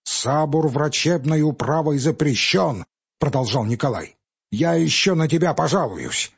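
A man narrating a literary audiobook in a calm, measured storytelling manner. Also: on the high side, creaky, slightly rough, muffled recording.

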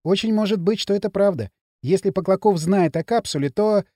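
A man voicing a calm clever girl. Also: high-pitched, a little fast, no echo, clean studio sound, pitched above the performer's own voice. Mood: patient. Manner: patient, reasoning.

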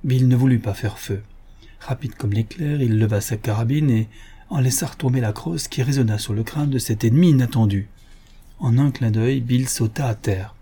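Husky-voiced male narrator. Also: medium pitch, normal speed, mellow. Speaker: audiobook narrator. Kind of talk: scripted narration.

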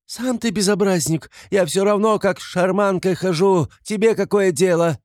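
A man reading an audiobook, voicing a desperate consumptive woman in shrill, wailing hysterics. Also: a little slow, creaky, darkish tone, no echo, clean studio sound. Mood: hysterical.

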